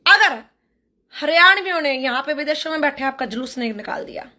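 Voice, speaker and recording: Woman vlogger, high and bright, fiery defiant delivery to camera. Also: expressive, brisk. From Haryana, India. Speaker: social media creator. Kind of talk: vlog rant to camera. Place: Canada.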